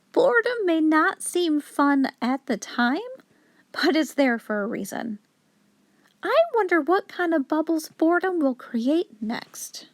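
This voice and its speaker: Picture-book time comes from a high-voiced woman hosting as a children's story reader for young children. She explains in an instructive storyteller's way with a very lively, up-and-down tone, captured dry and close, with no room sound.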